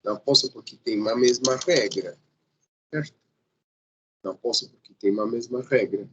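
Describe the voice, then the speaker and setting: A male teacher giving a grammar lesson, patient and repetitive, often pausing to check that the class follows. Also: mid-range voice, highs cut off, noisy background.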